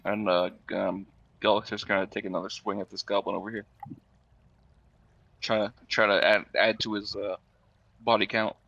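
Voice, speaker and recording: A man's voice: fairly low pitch, little pitch movement, moderate pace, creaky, long pauses, pushed and bright, no echo, highs cut off. A man playing a tabletop game over an online call, hesitant and full of fillers. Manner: hesitant, filler-heavy, sheepish. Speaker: player. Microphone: online call microphone.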